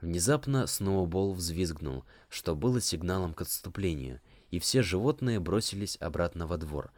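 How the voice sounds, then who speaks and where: Deep-voiced male audiobook narrator. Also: expressive, a little mellow, no echo, clean studio sound. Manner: measured, storytelling. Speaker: audiobook reader.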